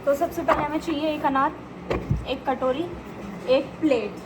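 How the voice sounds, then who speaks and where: A woman's voice: high-pitched, steady tone, normal speed, heavy background noise. A woman in her late forties chatting casually through a family home vlog, scolding and teasing a child as she goes. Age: 40s. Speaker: family vlogger.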